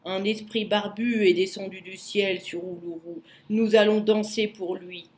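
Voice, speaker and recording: Une femme qui joue un wallaby méfiant, ton d'avertissement, voix forte, conte. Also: female voice, mid-range voice, fairly even intonation, unhurried, a little mellow, natural voice. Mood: warning. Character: cautious wallaby guarding a mountain. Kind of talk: storybook reading.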